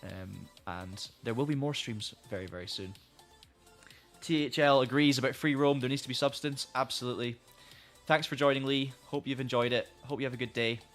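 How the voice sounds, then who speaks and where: A man's voice: medium pitch, fairly even intonation, a little fast, fairly bright tone, soft background music. Rambling male streamer losing his voice. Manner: rambling, friendly, many restarts. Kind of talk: casual live-stream chat.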